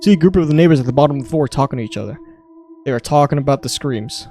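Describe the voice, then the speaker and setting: A man's voice: mid-range voice, animated, racing, warm tone, faint music behind. A young adult man hosting a podcast, casually reading online stories aloud in a crude, joking way. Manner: crude, joking, reads in clipped green-text style. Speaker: podcast host.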